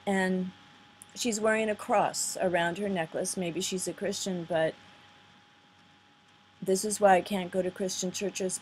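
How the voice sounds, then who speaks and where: A woman with a fairly low, slightly mellow voice gives rambling, earnest, off-the-cuff commentary over videos she plays. It is a casual style on a poor-quality home recording, with a little hiss or hum.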